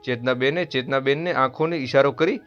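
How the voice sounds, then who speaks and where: A man with a Gujarati accent narrating a family story in a steady, earnest scripted read. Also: medium pitch, a little fast. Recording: dull lo-fi voice over soft music.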